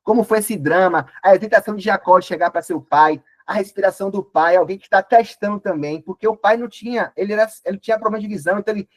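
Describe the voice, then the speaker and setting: Bible teacher, slightly high, colloquial and animated. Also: male voice, quick pace, few pauses. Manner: lively and colloquial, acts out scenes. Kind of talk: casual Bible study talk.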